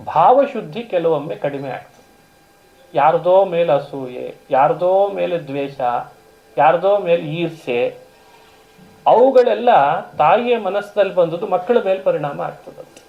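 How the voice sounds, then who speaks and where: A man's voice: high-pitched, creaky, highs cut off. A man giving a storytelling sermon. He retells a story with quoted dialogue, explains Sanskrit terms and asks his listeners rhetorical questions. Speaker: religious discourse speaker.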